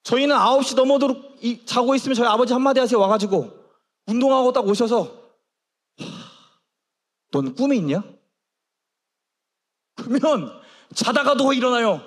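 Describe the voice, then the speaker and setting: A male pastor preaching a sermon in a church, telling stories with animated acted-out dialogue. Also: very high voice, quick pace. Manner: animated storytelling, acts out quoted dialogue. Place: church sanctuary. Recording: long reverb of a church hall.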